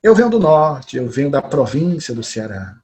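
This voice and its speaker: A man's voice: mid-range voice, big pitch swings, moderate pace, a little mellow, lightly acted. A man with a Brazilian accent voicing a shy, troubled young male student who speaks hesitantly and apologetically. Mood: sad. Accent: Brazilian Portuguese.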